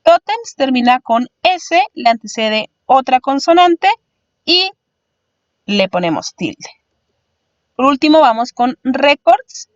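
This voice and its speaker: High-pitched woman teacher going slow and patient, dullish lo-fi sound. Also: sing-song, no room sound. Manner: slow, patient, step-by-step explaining. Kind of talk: explanatory spelling lesson.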